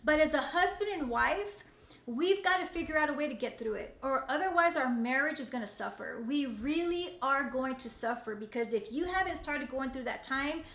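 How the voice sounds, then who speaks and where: A woman's voice: high-pitched, a bit bright, reverberant. A middle-aged woman earnestly sharing marriage advice, often speaking straight to the ladies. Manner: earnest, repetitive, addresses ladies directly. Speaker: host. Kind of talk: personal marriage advice talk.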